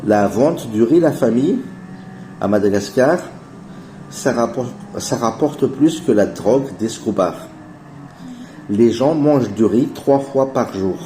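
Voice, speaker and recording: A man in his forties giving an earnest, persuasive investment pitch as voice-over narration, addressing his viewers as family. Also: animated, a little slow, dark tone, a little hiss or hum. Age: 40s. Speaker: channel host pitching an investment project.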